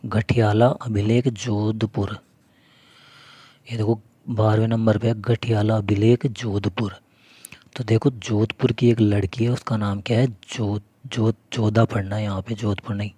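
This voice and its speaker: A man's voice: on the low side, little pitch movement, measured pace, mellow, breathy edge, no room sound. A man teaching memory tricks for an exam, who keeps asking questions and answering them himself while calling viewers his friends. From Rajasthan, India. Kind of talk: mnemonic lesson explaining.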